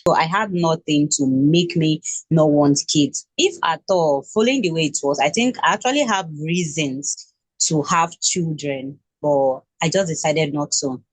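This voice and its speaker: A woman's voice: sits low, measured pace, no room sound. A Nigerian woman in her twenties speaking as an interview guest, hesitant, with frequent restarts and fillers. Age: 20s. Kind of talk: casual interview.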